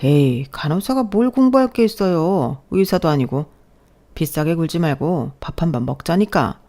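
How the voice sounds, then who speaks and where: A woman's voice: deep voice, moderate pace, warm tone. A woman voicing an arrogant young male resident doctor who talks down in a mocking, bossy way. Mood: sneering.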